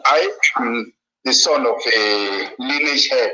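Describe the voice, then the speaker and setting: Man, speakerphone call, slow and deliberate, sharp tense tone, roomy muffled sound. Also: mid-range voice. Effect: heard over a phone on speakerphone. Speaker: guest author. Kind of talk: reflective interview answer.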